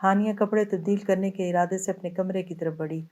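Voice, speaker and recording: A woman narrating a dramatic novel in a steady, even storytelling manner. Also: mid-range voice, muffled recording. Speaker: audiobook narrator.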